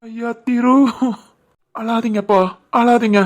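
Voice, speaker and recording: A woman voicing a gentle, dutiful grown son who speaks softly and reassuringly, with a Kanyakumari Tamil accent, in a cartoon family drama. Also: on the high side, flat delivery, slow pace. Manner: soft, reassuring.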